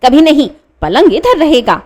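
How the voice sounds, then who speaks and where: Radio play: furious quarrelsome wife, a woman voicing her, high, shouting. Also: very animated, moderate pace. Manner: shouting demands. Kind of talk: one-reader radio play.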